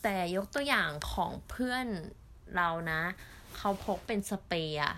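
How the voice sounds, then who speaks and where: Young thai woman vlogging, chatty, lots of fillers and pauses, mid voice. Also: medium pitch, lively intonation, bright, forceful tone, slight background noise. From Thailand. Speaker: au pair vlogger. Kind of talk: casual storytelling vlog.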